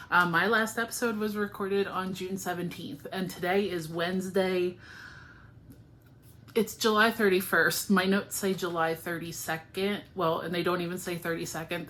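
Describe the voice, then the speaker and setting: A woman's voice: lowish voice, a bit bright, a little hiss or hum. A woman in her forties from the United States, hosting her knitting podcast in a casual chat to camera at home, tired and yawning, with lots of ums and laughs. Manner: chatty, frequent ums, laughs often, sleepy and yawning.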